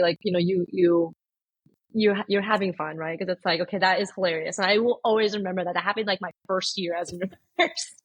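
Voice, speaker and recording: A woman's voice: mid-range voice, a bit bright. A woman, an oncology nurse, telling stories in a chatty way with many fillers on a podcast. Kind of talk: casual podcast chat.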